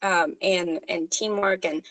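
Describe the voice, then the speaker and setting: A Korean woman, a social worker whose first language is Korean, speaks slowly and hesitantly in a supervision meeting conversation, with many fillers and restarts. Her voice is fairly low, steady, and a bit bright.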